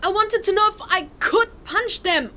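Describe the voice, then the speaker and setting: Voicing the guilt-ridden, headstrong young refugee of a fantasy audio drama, the actress sounds anguished and defiant. Her delivery is emotional, halting and earnest, pitched extremely high in a pushed, bright tone.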